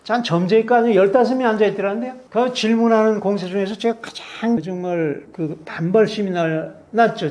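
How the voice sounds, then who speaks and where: Older guy from north korea, worked up, dark mellow voice, punchy storytelling. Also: sits high. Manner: emphatic, indignant, acts out quoted officials. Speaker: interview guest, defector activist. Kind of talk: impassioned storytelling interview.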